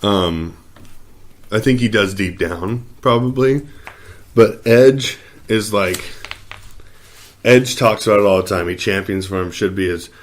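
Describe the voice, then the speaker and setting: A man with a fairly low voice co-hosts a wrestling podcast. He talks in a laid-back, opinionated way and often trails off and starts his sentences again. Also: measured pace, long pauses. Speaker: podcast co-host. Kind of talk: casual wrestling talk.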